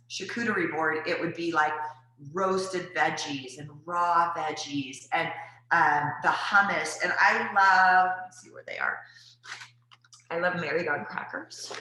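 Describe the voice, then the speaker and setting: A woman's voice: low-pitched, pushed and bright. A woman giving casual cooking tips to viewers, chatty and rambling with lots of fillers. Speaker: wellness presenter. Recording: very echoey room.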